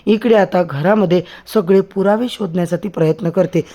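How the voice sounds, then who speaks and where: A man's voice: high-pitched, normal speed, warm tone. A man narrating a TV serial recap, addressing listeners as friends. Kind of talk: storytelling recap.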